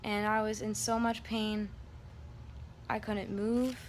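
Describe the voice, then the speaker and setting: A woman's voice: mid-range voice, little pitch movement, slow pace. A woman talking casually to her vlog audience, recounting a personal experience in a rambling, candid way. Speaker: vlogger. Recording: background room noise.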